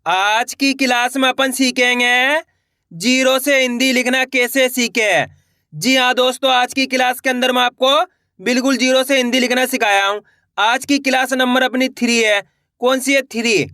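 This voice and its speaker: A man's voice: extremely high pitch, steady tone, normal speed, pushed and bright, dry recording, clean studio sound. A man teaching beginners to write words step by step, repeating each word and asking the viewer questions. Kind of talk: slow spelling lesson for beginners.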